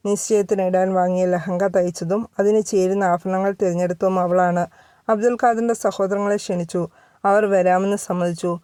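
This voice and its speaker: A woman narrating a romance story in a steady, measured reading. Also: medium pitch, smooth, no room sound.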